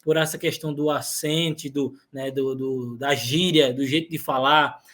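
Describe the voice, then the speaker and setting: A man who is a guest in a casual podcast chat, talking in a calm, explanatory way. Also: mid-range voice, normal speed.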